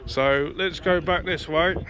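This British guy vlogs from a grassy car show field, filming outdoors on a handheld phone and keeping his commentary chatty, matey and unscripted. He speaks with a fairly high, fairly bright voice in a steady, unhurried tone, though the recording is rough.

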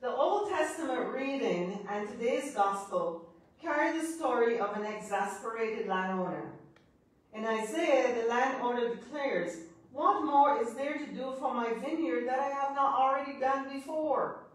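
Speaking from the pulpit, a middle-aged woman priest with a Barbadian accent uses an expressive, fairly high voice at a measured pace. Her sermon is chatty, broken up by laughing asides and playful teasing of the congregation. Heard from a far camera, the sanctuary sounds echoey and distant.

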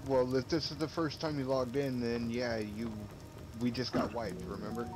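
A mid-pitched man on game voice chat who talks bluntly and swears freely. Clear background noise runs under his voice. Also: steady tone, moderate pace. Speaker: gamer on voice chat. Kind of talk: casual team game chat.

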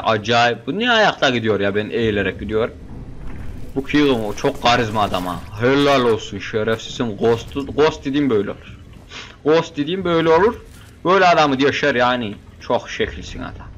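A man's voice: medium pitch, lively intonation, a little fast, a bit bright. A young man giving casual, joking commentary while playing a shooter game, bantering with the characters on screen. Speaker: gameplay commentator.

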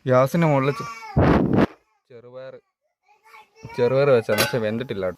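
Guy vlogging from home, just rambling on, stops to hunt for words, normal mid pitch. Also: fairly even intonation, moderate pace, noisy background. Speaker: family vlogger. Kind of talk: casual vlog chat. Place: at home, partly outdoors.

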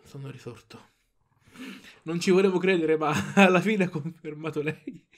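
A man's voice: fairly high pitch, moderate pace. A young adult man giving casual reaction commentary on a headset mic. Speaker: reaction video creator. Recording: video audio and music behind.

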